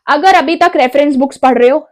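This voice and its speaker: A young woman with a high, bright-pitched voice gives exam advice straight to her students. She is direct and insistent, pressing her points home. English phrases turn up here and there in her talk. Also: brisk. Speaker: educational YouTuber.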